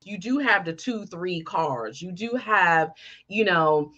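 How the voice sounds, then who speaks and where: Woman podcast host, bright, emphatic, slightly dull lo-fi sound. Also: on the low side, slow pace. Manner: animated, chatty, emphatic. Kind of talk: casual reaction podcast chat.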